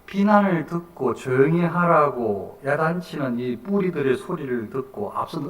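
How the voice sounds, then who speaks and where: A male pastor preaching a sermon in an emphatic, animated way, recorded from a distance in a church sanctuary. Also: on the high side. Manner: animated, emphatic, acts out the crowd. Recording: echoey hall, distant mic.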